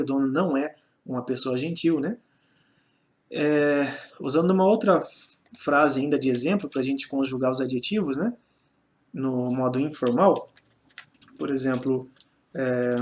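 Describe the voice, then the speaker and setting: A man with a Brazilian Portuguese accent teaching a casual online Japanese lesson, chatty and full of "né?" checks. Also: medium pitch. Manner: chatty, fills with "né?" and restarts while typing examples.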